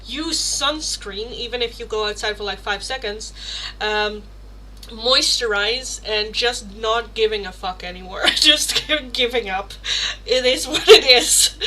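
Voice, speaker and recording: A woman in her thirties chats live with her viewers in a loose, self-mocking way, laughing often and swearing without a second thought. Her voice sits a little high and sounds bright and sharp. There is a faint hum of room ambience behind her. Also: poor audio. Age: 30s. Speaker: tarot livestream host. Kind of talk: casual live-stream chat answering viewer questions.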